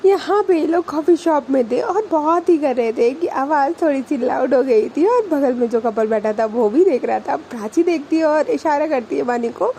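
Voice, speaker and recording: A woman's voice: sits high, expressive, moderate pace, few pauses, mellow, a little hiss or hum. A woman storyteller telling a love story in a casual, chatty way with many fillers and English words mixed in.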